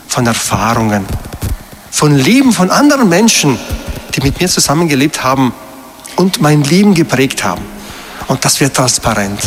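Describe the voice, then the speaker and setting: A man's voice: a little high, fairly bright tone, in a large hall. A man giving a sermon as a priest, emphatic and asking his listeners questions. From Meran, South Tyrol.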